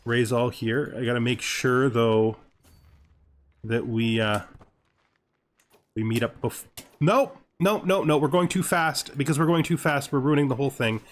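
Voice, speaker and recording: With music in the background, a man gives thinking-aloud commentary on a strategy game he's playing as a gaming host, deliberating, repeating himself, and tacking on questioning tags. His mid-range voice is fairly even, a little slow, and full of pauses, and there's a little hiss or hum.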